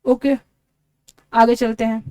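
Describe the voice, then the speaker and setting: A woman's voice: on the high side, flat delivery, slow pace, mellow, clean tone, dry recording. A woman teaching an exam-prep lesson, explaining step by step and spelling words out letter by letter. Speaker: English teacher.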